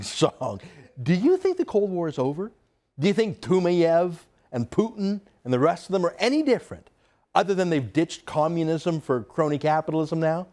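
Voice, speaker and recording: A male TV commentator delivers a combative opinion monologue with a fairly high voice that swings widely in pitch. His delivery is emphatic and sarcastic, pressing each point hard. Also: a little mellow.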